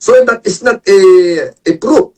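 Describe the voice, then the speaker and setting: A man casually telling a long story about his work as a jail investigator, animated and punctuating nearly every phrase with a friendly tag word. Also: very high-pitched, a little slow, slightly rough, distant mic. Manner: animated, peppers speech with "tol, no?". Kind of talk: casual storytelling in a talk show.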